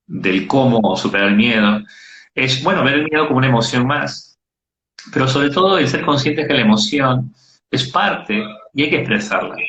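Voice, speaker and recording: A man speaks in a bright, mid-range voice, reflective and a little halting as he gathers his thoughts. The room around him is echoey. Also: mid-range voice, highs cut off. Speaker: host coach.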